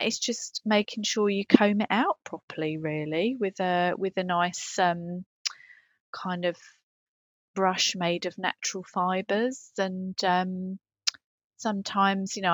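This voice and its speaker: Taking fan questions as a chatty pop singer who owns dogs, a British woman rambles in a plain, podcast-host manner for a comedic in-character advice segment. Her pitch sits fairly low with a slightly bright quality, and there's no echo.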